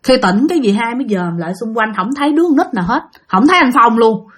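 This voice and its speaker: A woman's voice: a little high, animated, quick pace. A woman tells a ghost story in a chatty way, talking straight to her listeners and repeating words for effect. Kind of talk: spoken ghost-story narration.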